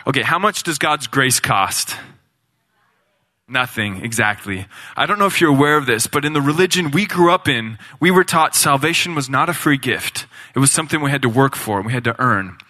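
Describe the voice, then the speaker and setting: A man from a gospel band speaks earnestly from a church stage, often pausing on ums. His voice is bright and forceful, at an average pitch. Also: lively intonation. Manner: earnest, with filler ums, quizzing the crowd. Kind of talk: stage introduction to a church audience.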